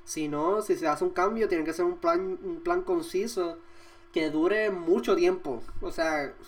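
A man's voice: high-pitched, a little slow. A young man with a Puerto Rican accent delivers a casual podcast monologue. He rambles, restarts his sentences and swears freely. His talk is full of fillers as he works through his thoughts. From Puerto Rico. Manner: rambling, profane, full of "este" and "o sea" fillers. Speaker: podcast host.

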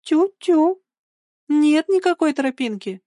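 A woman voicing a cheeky, bossy young girl with a teasing, sharp-tongued manner in a storybook reading. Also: sits high, expressive, normal speed, no room sound, clean studio sound, pitched above the performer's own voice. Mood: mocking.

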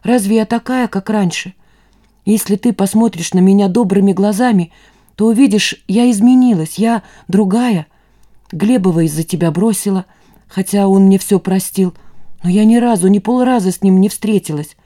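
A woman reading an audiobook, voicing a gentle, worn-out mother who pleads softly with her son. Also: medium pitch, normal speed, lightly acted. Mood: pleading. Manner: soft, pleading.

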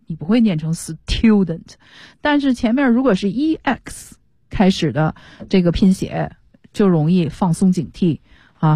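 A woman's voice: on the low side, warm tone, no echo. A woman teaching an English lesson on the radio, explaining words patiently and mixing English terms into her talk.

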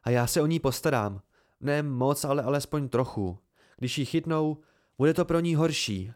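A man's voice: on the high side, expressive, darkish tone, pitched above the performer's own voice, natural voice. A man voicing an anxious young male student who pleads urgently in an amateur audiobook reading. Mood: pleading.

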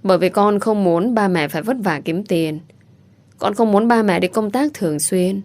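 A woman's voice: medium pitch, normal speed, a little mellow, close to an everyday voice. A woman voicing a small, affectionate boy who talks in a pleading, childlike way. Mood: eager.

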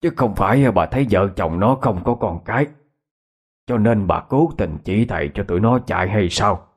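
A man's voice: fairly low pitch, normal speed, breathy edge. A man voicing an older countryside father, talking in a hesitant, coaxing way with stammers. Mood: reproachful.

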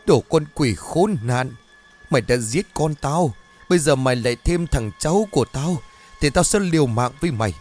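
A man's voice: medium pitch, normal speed, darkish tone, faint music behind, close to an everyday voice. A man voicing a frightened middle-aged mother who pleads with her possessed child, desperate and tearful, in a horror audiobook. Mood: pleading.

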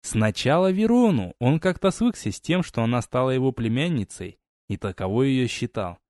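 A man's voice: medium pitch, expressive, moderate pace, a little mellow, no room sound. Male audiobook narrator, dry sound. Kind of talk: scripted narration.

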